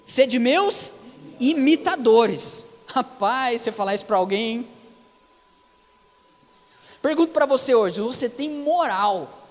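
A man with a Brazilian Portuguese accent preaching a youth sermon, lively and slangy, asking the audience questions. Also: very high voice, slow pace, long pauses. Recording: long reverb of a hall.

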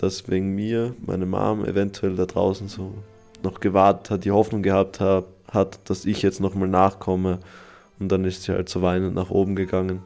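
A young man with a fairly low voice tells a personal story on his podcast. He rambles and restarts as he speaks, downcast and troubled. Faint music runs quietly under his voice. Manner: rambling, confessional, many fillers and restarts. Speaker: podcast host.

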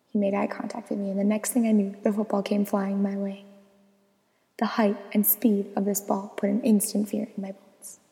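A young woman narrating a scripted personal story in an expressive, storytelling way. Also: medium pitch, creaky, long reverb tail, low-quality recording. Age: young adult.

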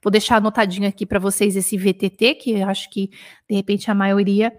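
A woman in her thirties from Brazil, a French teacher leading a live dictation lesson, lively, spelling out words slowly and repeating them. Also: mid-range voice.

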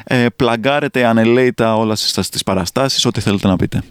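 A man's voice: medium pitch, smooth, no echo. A man hosting a comedy quiz podcast in a studio, teasing his guests and chuckling as he talks. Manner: playful, chuckling quizmaster. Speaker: quiz host. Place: recording studio.

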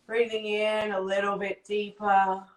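A woman guides a meditation in a soothing, unhurried voice that lingers on each word. She sounds set back from the mic in an echoey room. A faint hum runs underneath. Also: medium pitch, flat delivery, recorded from a distance. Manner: slow, soothing, spacious pauses.

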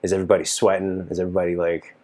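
Deep-voiced, laid-back musician from Texas. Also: male voice, racing. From Dallas, Texas. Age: 30s. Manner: relaxed, rambling, many fillers like "you know". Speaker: touring keyboard musician. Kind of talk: casual podcast chat.

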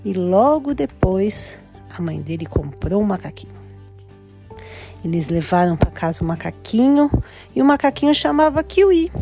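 Storyteller: woman, mellow and slightly gravelly, slow sing-song children's story narration. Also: mid-range voice. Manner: animated, drawn-out sing-song telling.

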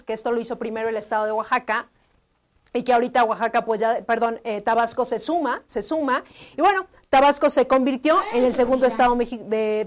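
A woman with a Mexican accent hosting a casual live talk show, chatty and speaking straight to her listeners. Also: high-pitched. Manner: chatty, addresses listeners directly. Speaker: host.

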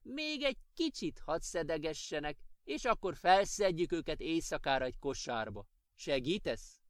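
A man voicing a gentle, patient old grandmother who soothes and explains things to her grandchild in a children's audiobook. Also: on the high side, big pitch swings, no room sound, studio quality. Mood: soothing.

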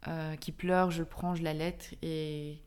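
Podcast guest: Belgian woman, thirties, lively storyteller, lower voice. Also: a little slow, clean tone. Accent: Belgian French. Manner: animated storytelling, laughs often. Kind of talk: casual chat.

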